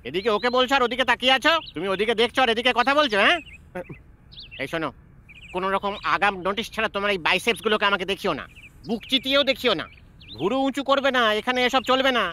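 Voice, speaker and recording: A male dubbing actor plays a bossy, jealous young man who scolds fast in a very high, lively, bright voice. A film soundtrack with faint music runs under him. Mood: scolding. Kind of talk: Bengali movie dub.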